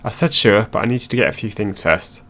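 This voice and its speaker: A man narrating online stories aloud in a plain, steady reading voice. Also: lowish voice, fairly quick.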